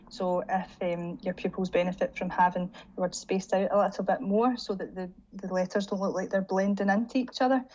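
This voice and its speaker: Low-voiced woman giving a chatty software tutorial. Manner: chatty, leans on "again" and "um" as she demonstrates. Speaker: digital learning trainer. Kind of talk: screen-share tutorial for teachers. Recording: dull lo-fi audio with faint hiss.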